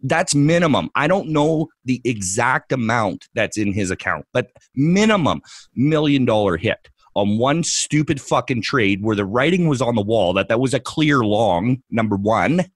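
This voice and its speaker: A man's voice: mid-range voice, expressive, normal speed, no room sound. A man co-hosting a trading podcast, ranting profanely and mocking others in put-on voices. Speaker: podcast co-host, trader. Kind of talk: ranting casual podcast talk.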